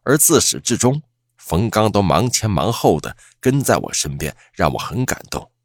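Husky man telling a ghost story. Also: on the low side, big pitch swings, moderate pace, no room sound, studio quality. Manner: suspenseful, dramatic storytelling. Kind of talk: first-person ghost story narration.

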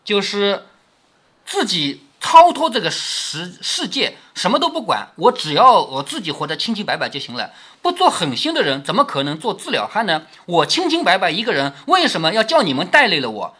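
A man retells a classic novel and stops to explain it, often posing rhetorical questions. His voice is bright and slightly husky. His pitch moves very expressively. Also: wildly swooping pitch, brisk. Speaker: narrator and commentator reading a classic novel. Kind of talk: storytelling with commentary.

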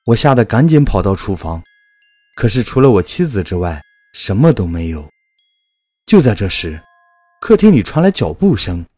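A man narrating a first-person ghost story in a measured, calm storytelling manner. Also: medium pitch, breathy edge, dry recording.

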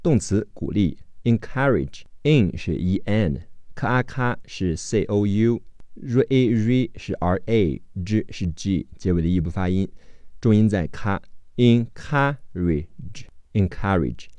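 A man teaching English vocabulary, slowly spelling out each word's letters and sounds. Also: on the low side, lively intonation, dark tone, dry recording. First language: Chinese. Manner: slow, deliberate spelling-out of word sounds. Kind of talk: vocabulary phonics lesson.

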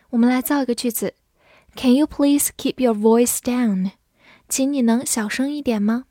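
Bright-voiced woman teaching English words. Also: a little high, dry recording, studio quality. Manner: spells words letter by letter and reads slowly. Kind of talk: vocabulary lesson.

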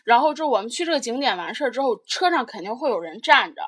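A woman's voice: a little high, big pitch swings, racing, a bit bright. A woman chatting casually, rambling through a story with many fillers.

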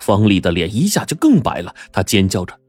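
A man narrating a scripted story in a lively, dramatic way. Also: on the low side, brisk, breathy edge, no echo, faint music behind.

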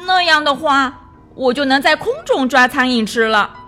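A woman voicing an eager, impatient little male frog in a children's storybook, exclaiming with bouncy excitement. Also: high-pitched, moderate pace, faint music behind, voice pushed up.

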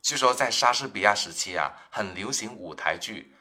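A young male teacher with a very bright, forceful voice, sitting a little low in pitch. He leads a lively scripted language lesson and says each key phrase twice, slowly and carefully, so learners can repeat it. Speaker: English teacher.

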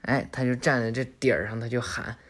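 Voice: mid-range voice, steady tone, brisk. A storyteller, casually retelling a cartoon episode in a chatty way, full of interjections. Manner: chatty, frequent "哎" interjections, chuckles at own jokes.

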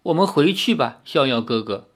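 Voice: mid-range voice, expressive, normal speed, lightly acted. A narrator voicing a young girl who pleads tearfully with the hero in a read-aloud novel.

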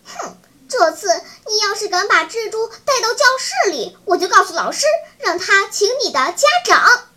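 A woman voicing a bossy schoolgirl who scolds a classmate in a rapid, indignant rush. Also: very high voice, sing-song, pushed and bright, voice pushed up, exaggerated voice. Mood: indignant scolding.

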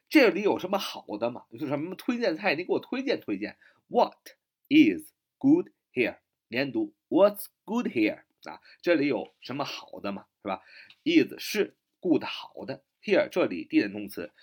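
Male English tutor, chatty, a touch high, lively pitch, drills phrases slowly. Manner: explains in Mandarin, repeats English phrases slowly; lively, chatty, asks "是吧" often. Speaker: English teacher. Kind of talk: spoken English lesson in Mandarin.

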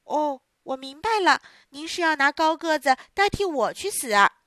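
A frightened little puppet boy speaks up in a high, tearful, pleading voice that leaps up and down, a woman putting him on as she reads the story. The sound is close and dry. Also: big pitch swings, moderate pace, a bit bright, no echo. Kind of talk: storybook reading.

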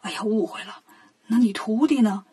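A woman's voice: a little high, normal speed, mellow, husky. A woman voicing a nervous, chatty old village man in a children's story, homely and flustered.

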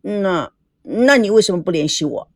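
A woman voicing a sharp-tongued young woman who questions and teases pointedly. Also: medium pitch, very animated, moderate pace, no echo, clean studio sound. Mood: suspicious. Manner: pointed, teasing.

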